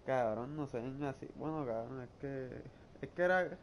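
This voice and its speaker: A man's voice: medium pitch, normal speed, a little hiss or hum. A young man with a Puerto Rican accent chatting casually, swearing all the time and often breaking into laughter. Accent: Puerto Rican Spanish. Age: young adult. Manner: crude, laughing, swearing constantly. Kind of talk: casual vlog chat.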